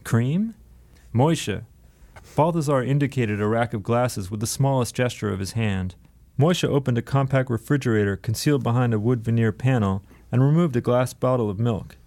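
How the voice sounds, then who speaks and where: Male author-narrator, steady, mid-pitched, radio book reading. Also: a little fast. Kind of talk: audiobook narration.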